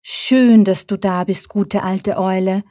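A woman's voice: mid-range voice, unhurried, warm tone, pitched above the performer's own voice, natural voice. A woman voicing a small, earnest young fox who pleads for help in a storybook. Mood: pleading. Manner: eager, pleading. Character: earnest little boy fox searching.

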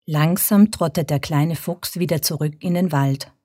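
A woman narrating a children's bedtime story in a calm, measured way. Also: sits low, dry recording, studio quality.

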